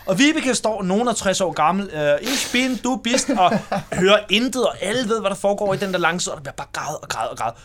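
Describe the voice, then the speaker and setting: Guy in his 40s, chatty storyteller doing little voices for everyone, slightly high voice. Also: hardly any pauses, slight background noise. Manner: lively storyteller who acts out the people in his anecdotes. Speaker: podcast host. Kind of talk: casual storytelling chat.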